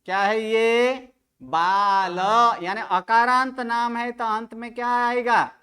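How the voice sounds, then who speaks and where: A man's voice: very high-pitched, level tone, unhurried, fairly bright tone, smooth. A man teaching Sanskrit grammar to a study group, quizzing students with questions and correcting their pronunciation. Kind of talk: online study-group lecture.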